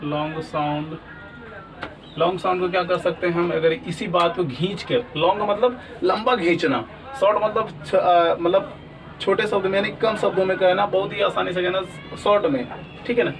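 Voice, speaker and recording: A man's voice: high-pitched, steady tone, moderate pace, distant mic, background noise. A man teaching an English lesson, asking questions and answering them himself, often checking that students follow. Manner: repeats "ठीक है ना?" often. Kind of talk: classroom lesson.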